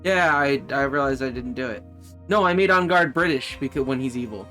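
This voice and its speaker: A man's voice: medium pitch, a little fast, pushed and bright, soft background music. A young man streaming a game with a friend, casual and sweary, now and then reading lines in put-on voices.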